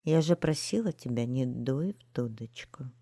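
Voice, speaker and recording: A woman voicing a brisk, scornful thin little lady who gives orders in a storybook reading. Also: very deep voice, lively intonation, dark tone, no room sound, clean studio sound, full character voice. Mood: dismissive. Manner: crisp, dismissive instructing.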